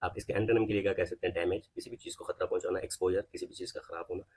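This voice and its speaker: Male vocabulary teacher with a Pakistani Urdu accent, rapid delivery, defines words and asks what they mean. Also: low-pitched, fairly even intonation, a little mellow, breathy edge. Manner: explains each word, then asks what it means. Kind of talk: vocabulary lesson.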